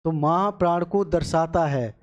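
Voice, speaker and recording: A man's voice: on the high side, normal speed, lo-fi sound. A male teacher giving an exam-prep grammar lecture, explaining step by step and asking and answering his own questions.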